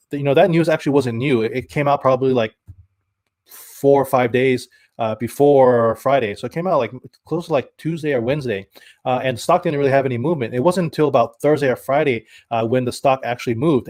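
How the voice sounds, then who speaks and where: A man's voice: medium pitch, darkish tone, dry recording, studio quality. A man hosting a live stream about stocks, chatting casually, reading viewer comments and restarting his sentences with many fillers. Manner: thanks viewers by name, reads chat comments. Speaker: stock channel host.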